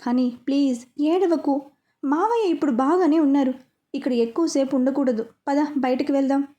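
A woman voicing a caring young husband who softly coaxes his wife in a story reading. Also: sits high, normal speed, lightly acted. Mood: coaxing. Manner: soft, coaxing.

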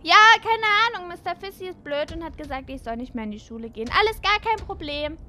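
A woman's voice: very high-pitched, lively intonation, brisk, bright, forceful tone, faint music behind, exaggerated voice. A woman voicing a cheeky, defiant baby girl in a Roblox role-play, whiny and chatty. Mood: bratty. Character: bratty, cheeky baby girl expelled from school.

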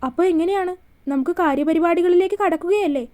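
A woman's voice: very high-pitched, a little fast, a little mellow. A woman voicing a cruel young man who holds a woman captive, in a mocking, menacing way.

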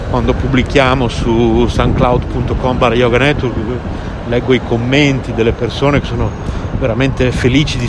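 A man hosting a casual solo radio talk, his voice muffled by a face mask. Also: mid-range voice. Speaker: radio host. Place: out and about, on a bus and then in the street. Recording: noisy outdoor street and vehicle recording. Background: loud traffic and vehicle noise.

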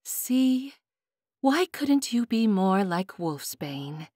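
A woman voicing a falsely jovial, mock-sad male fae high king in an audiobook. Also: big pitch swings, measured pace, darkish tone, dry recording, clean studio sound. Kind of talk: audiobook character voice.

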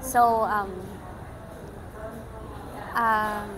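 A woman's voice: mid-range voice, level tone, extremely slow, a crowd in the background, poor audio. A young woman who grew up in Canada, a pageant candidate answering interview questions in a bubbly, casual way, switching between English and Tagalog with many ums. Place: indoor venue with red bench.

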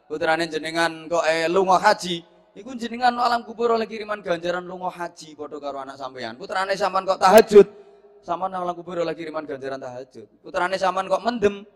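A man with a Javanese accent delivers a humorous sermon in a fairly high voice. He tells stories with lots of life and slips into the voices of the people he describes. He sounds middle-aged and at ease in front of a crowd. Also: a little fast. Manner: lively storytelling, acts out scenes and mimics people. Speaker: preacher.

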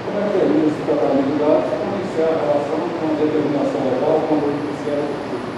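A man's voice: fairly high pitch, steady tone, fast. Older man lecturing in an echoey hall. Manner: conversational, frequent tag questions. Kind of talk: lecture on data protection law. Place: large hall with audience. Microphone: handheld mic, filmed from far back. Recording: echoey hall from far off, noisy.

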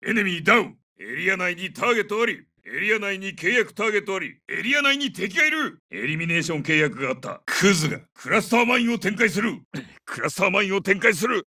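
A battle-hardened special forces captain in a shooter game. His voice is pitched high and forceful, set a little way from the mic. He gives terse, commanding callouts with urgency. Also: expressive, fast talker, distant mic, heavily acted. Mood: brisk, alert. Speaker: soldier calling out combat voicelines. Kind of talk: military shooter game voice acting, short tactical callouts.

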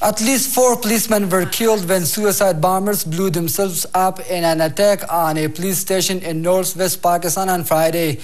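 A man's voice: sits high, steady tone, moderate pace, hardly any pauses. A young man with an Afghan accent reading scripted news as an anchor, on a lapel mic in a TV studio. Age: young adult.

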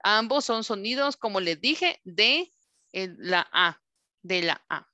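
A woman leads an English lesson. She talks slowly and patiently, repeating each word and checking that the class follows. Her voice is bright and clear, recorded dry and close. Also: medium pitch, expressive, dry recording. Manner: slow, patient drilling of words, checking in with ¿sí?. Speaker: English teacher.

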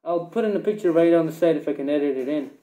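A man's voice: fairly high pitch, fast, dark tone. A young man giving a casual, rambling gear review, his voice muffled through a cloth mask.

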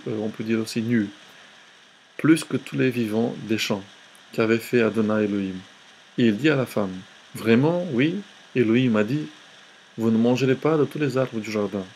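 A man teaching an Old Testament class, reading scripture aloud slowly with hesitations and restarts. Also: medium pitch, darkish tone, a little hiss or hum. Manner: slow, halting reading with restarts.

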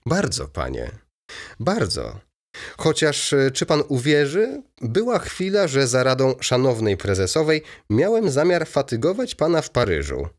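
A man reading an audiobook voices a fussy, excitable aging male baron in a raised, eager, chattering manner. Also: medium pitch, unhurried, voice pushed up.

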